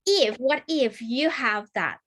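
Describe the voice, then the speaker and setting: Halting woman interviewer, rather high voice. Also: animated, fairly bright tone, a little hiss or hum. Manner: halting, repeats words while phrasing questions. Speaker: interview host. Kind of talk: casual interview.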